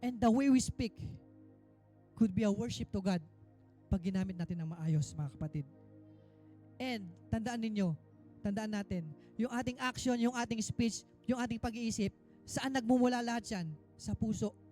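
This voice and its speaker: A male minister preaching a sermon with emphasis, swinging between loud exhortation and quiet asides. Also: high voice, normal speed, faint music behind. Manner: emphatic preaching, mixing Tagalog and English.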